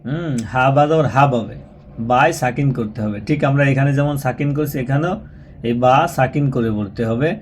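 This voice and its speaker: A patient male teacher with a mid-pitched voice. He spells out recitation syllable by syllable, repeating each sound and stretching it out for his listeners. The delivery is a steady, patient spoken tutorial. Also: a little hiss or hum. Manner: patient, repetitive, slows down and draws out syllables when demonstrating. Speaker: Quran reading teacher.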